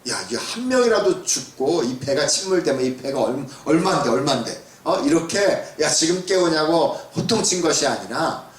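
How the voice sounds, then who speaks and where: A man's voice: on the high side, big pitch swings, moderate pace. A man preaching as a church pastor, talking casually with the congregation, asking rhetorical questions and acting out what people say. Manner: conversational preaching with rhetorical questions and acted-out quotes. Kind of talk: sermon. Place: church sanctuary. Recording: roomy sound from a distance.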